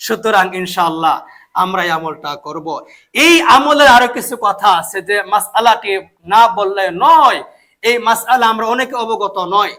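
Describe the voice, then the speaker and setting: A Bangladeshi man with a Bengali accent preaches a sermon in a high, bright, forceful voice. He speaks emphatically, repeating key phrases and chanting the takbir slowly.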